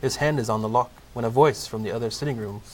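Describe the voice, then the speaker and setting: A man with a mid-range voice narrates a comedic Christmas audio play from a script, speaking fast in a storybook style. The amateur recording is noticeably noisy.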